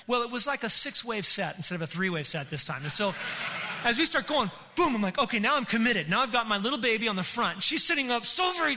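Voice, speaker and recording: A middle-aged male pastor tells a story from the pulpit, his voice high for a man and very bright and ringing. He swings between loud, excited bursts and hushed, quiet moments as he acts out the scene. The sound carries a long reverb from a large hall. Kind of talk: sermon storytelling.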